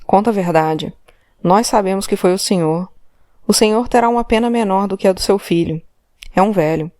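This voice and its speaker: A woman's voice: medium pitch, moderate pace, darkish tone, no room sound, studio quality, natural voice. A woman reading an audiobook, voicing a male police commissioner who questions insistently and presses for the truth. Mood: pressing. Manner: insistent, interrogating, demanding. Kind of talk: audiobook character voice.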